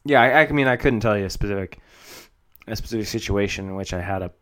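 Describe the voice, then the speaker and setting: Laid-back low-voiced man. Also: fast talker, fairly bright tone. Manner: laid-back, short replies, unbothered. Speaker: podcast co-host. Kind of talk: casual chat. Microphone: home microphone.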